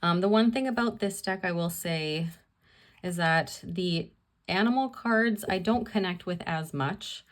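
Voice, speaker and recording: Low-voiced, chatty woman vlogger. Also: a little slow. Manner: rambling, with many "like" and "um" fillers and restarts. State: tired and yawning. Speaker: vlog host. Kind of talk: casual chat about her tarot deck collection.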